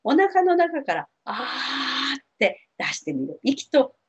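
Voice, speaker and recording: A middle-aged woman counselor giving gentle, reassuring advice to TV viewers, with many fillers. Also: sits high, wildly swooping pitch, unhurried. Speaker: spiritual counselor answering viewer questions. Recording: dull lo-fi TV audio.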